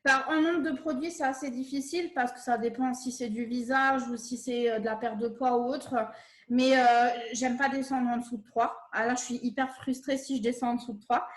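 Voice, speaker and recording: A woman's voice: high-pitched, fairly even intonation, fairly quick, reverberant. A woman with an Alsatian accent from France, giving an enthusiastic, laughing talk as a guest trainer on a video call.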